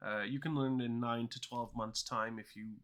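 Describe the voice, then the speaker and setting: At a normal speed and steady tone, a man with a medium-pitched, slightly bright voice chats on his coding livestream. He is learning to code, his first languages are Dutch and Turkish, and he rambles while answering chat questions mid-talk.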